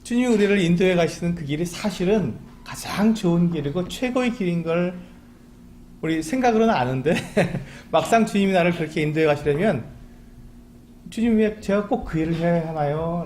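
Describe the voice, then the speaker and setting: A man's voice: on the high side, animated, quick pace, a little mellow, slight background noise. A man preaching a Sunday sermon as pastor, asking rhetorical questions and acting out little pleas in a chatty way. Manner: acts out quoted pleas to God. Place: church sanctuary.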